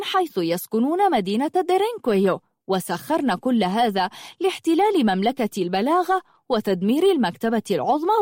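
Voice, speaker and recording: A woman reading a fantasy novel aloud in a measured, dramatic manner. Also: a little high, darkish tone, dry recording, studio quality. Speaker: audiobook narrator. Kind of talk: scripted narration of a novel.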